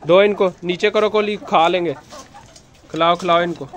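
A man's voice: high-pitched, fairly even intonation, normal speed. Man narrating a rooftop chicken vlog. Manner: gentle, instructive, often coaxing the children. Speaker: vlogger filming his rooftop chickens. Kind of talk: casual narration while filming, talking to children. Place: outdoor rooftop with chicken coops. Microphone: handheld phone camera, first-person.

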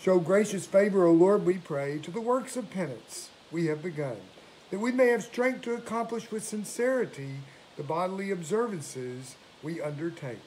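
An older man in the role of priest delivers liturgy with solemn, measured formality. His voice sits a little high for a man. A faint hiss runs behind his prayers and readings in a home recording. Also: expressive, darkish tone, rough recording. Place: small domestic room indoors.

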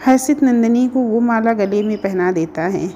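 A woman storyteller reading a scripted moral story in a steady, even manner. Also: on the high side, moderate pace, lo-fi sound, slight background noise.

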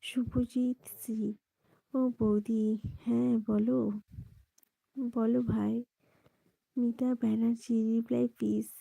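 A woman from West Bengal hosting a late-night live stream from home on her phone, talking softly and hushed while she greets viewers by name and asks them to like and subscribe. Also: on the high side, level tone, slow pace, vocal fry, long pauses, no echo, rough recording. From West Bengal, India. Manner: soft, hushed talk near a whisper.

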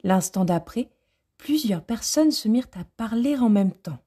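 Calm woman reading a storybook aloud. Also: a little high, unhurried, husky, soft background music. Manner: calm, expressive narration. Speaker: storyteller at a library.

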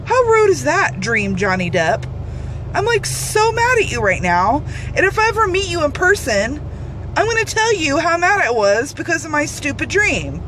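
Young woman vlogger, playfully indignant, fairly high voice. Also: moderate pace, slight background noise. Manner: animated, exaggerated indignation, sing-song. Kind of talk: casual vlog chat.

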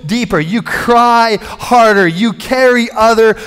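A man's voice: very high-pitched, slow, a bit bright, smooth. A middle-aged man preaching a sermon from a church stage on a headset mic, with emphatic, repetitive phrasing that builds in force. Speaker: pastor. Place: large church stage, indoors. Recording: long hall reverb.

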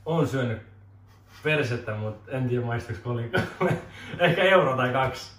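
Young man, mid-pitched voice, deadpan joking answers, echoey room, distant mic. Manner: deadpan mock answers, breaks into laughter. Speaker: guest answering questions. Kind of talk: casual joking interview. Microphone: camera mic from a distance. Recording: roomy distant camera audio.

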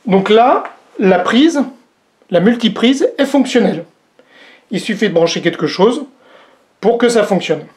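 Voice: mid-range voice, lively intonation, measured pace, pauses often, darkish tone. A vlog host doing a casual unboxing demo, talking straight to viewers, with many hesitant fillers and a joke about their own English accent. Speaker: host reviewing a product.

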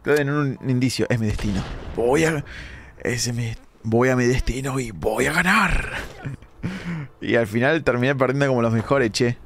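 A young man, hoarse from a sore throat, giving animated live-stream gameplay commentary with dramatic outbursts. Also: medium pitch, moderate pace, soft background music. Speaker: gaming streamer.

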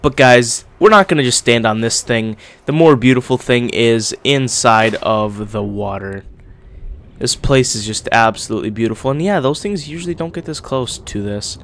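A man's voice: mid-range voice, normal speed, fairly bright tone. Casual young guy gamer with swollen lip. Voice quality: slightly congested, speaking with a swollen lip. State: getting over being sick. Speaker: gaming YouTuber, host. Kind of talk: casual let's-play commentary.

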